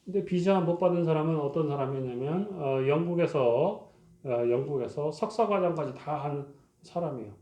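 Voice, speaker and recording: A man's voice: on the high side, normal speed, mellow, echoey room. A male lecturer explaining a university course topic, posing rhetorical questions to his students and talking with frequent fillers.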